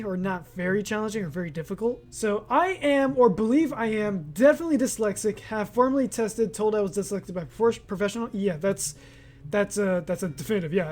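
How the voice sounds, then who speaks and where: A man's voice: sits high, darkish tone. A young man chatting casually as he reads a quiz aloud, rambling and often correcting himself, and laughing at his own words. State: hiccuping. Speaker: gaming video creator.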